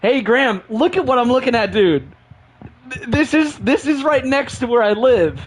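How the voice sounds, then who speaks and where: A man live-streaming a racing game, chatting excitedly and rambling, repeating himself, short on sleep and running on caffeine. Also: very high-pitched, moderate pace, a little hiss or hum.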